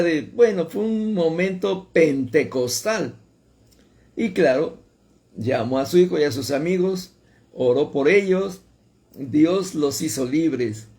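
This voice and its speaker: Brief: male radio preacher, fairly high, gravelly storyteller voice. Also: mellow. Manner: storytelling preacher, repeats phrases for emphasis. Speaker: pastor. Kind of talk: radio sermon.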